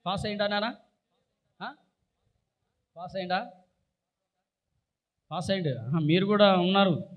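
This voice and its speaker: A man preaching a sermon as a pastor, exhorting his congregation with loud declarations and quiet asides. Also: high-pitched, unhurried, lo-fi sound. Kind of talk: sermon with prayer and call-and-response. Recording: long reverb of a church hall.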